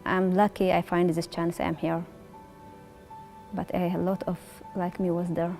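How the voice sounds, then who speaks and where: A woman speaks earnestly in a documentary interview, using simple, direct phrasing. Her voice is low-pitched and warm. Faint music runs beneath her. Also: little pitch movement, a little slow, vocal fry. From Eritrea. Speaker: resettled refugee.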